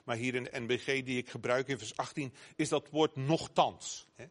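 A man's voice: mid-range voice, normal speed. A man preaching a sermon earnestly, growing emphatic when he quotes scripture.

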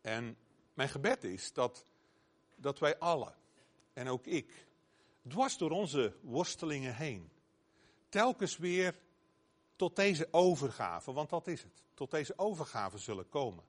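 A man's voice: on the high side, very animated, slow pace, long pauses. A man preaching a sermon earnestly, growing emphatic when he quotes scripture.

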